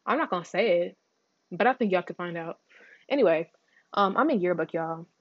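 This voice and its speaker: A teenage girl hosts her own podcast in a loose, rambling chat. She talks fast, runs her words together and jumps between topics, peppering everything with slang. The recording is dry and a bit muffled. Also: on the low side, expressive, dry recording. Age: teens. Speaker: podcast host. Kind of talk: casual solo chat.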